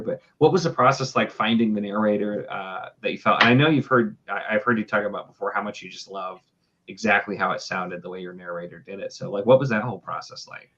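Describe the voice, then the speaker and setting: Male interviewer, bright lower voice, halting chatty delivery, dull lo-fi audio. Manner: chatty, halting, many fillers and restarts. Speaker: interviewer, book reviewer. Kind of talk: casual interview chat.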